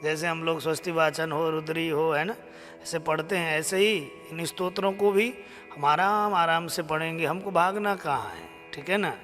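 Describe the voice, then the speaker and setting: A man with a high voice leads a slow lesson in chanting a devotional hymn. He sings each line and then gently urges listeners to repeat it. A long reverb and faint music hang behind him. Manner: chants verses slowly, then coaxes viewers to repeat. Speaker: stotra recitation teacher. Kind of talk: live stream chanting lesson.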